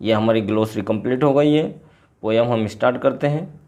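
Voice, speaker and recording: Using a warm, mid-range voice, an English teacher walks his class through the words of a poem's glossary. He pronounces each one slowly and follows with its English and Hindi meanings.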